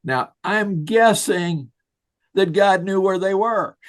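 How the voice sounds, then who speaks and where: A man's voice: high-pitched, takes it slowly. A man giving a folksy, storytelling leadership talk to an online group, chuckling and asking rhetorical questions. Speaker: leadership speaker. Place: online video session.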